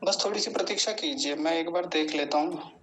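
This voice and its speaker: Patient man drawing out words slowly. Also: on the high side, fairly bright tone, a little hiss or hum, low-quality recording. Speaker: Sanskrit teacher. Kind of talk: online pronunciation class.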